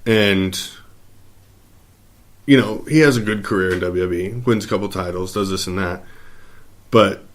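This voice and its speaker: A man's voice: sits low, moderate pace, long pauses. A man co-hosting a casual wrestling podcast, laid-back and opinionated, often trailing off and restarting. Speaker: podcast co-host.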